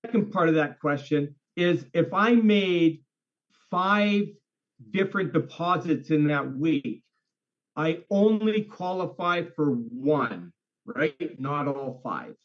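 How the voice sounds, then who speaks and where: A man's voice: fairly high pitch, expressive, takes it slowly. An enthusiastic man on an online group call asking questions, his voice coming through a bad, breaking-up internet connection. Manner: enthusiastic, emphatic, repeats for stress. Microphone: computer or phone on a video call. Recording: dull lo-fi internet call audio.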